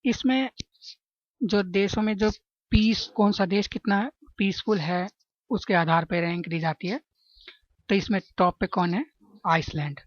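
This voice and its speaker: A woman's voice: medium pitch, unhurried, long pauses, no room sound, highs cut off. A woman teaching general-knowledge exam questions and explaining memory tricks, often checking in with her listeners. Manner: chatty, keeps asking "है ना?" to check understanding.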